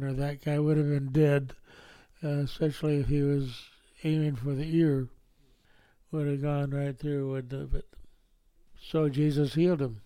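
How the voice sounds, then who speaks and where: A man's voice: on the high side, mellow, no room sound. A man preaching a sermon in a folksy way, often ending points with tag questions. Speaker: pastor.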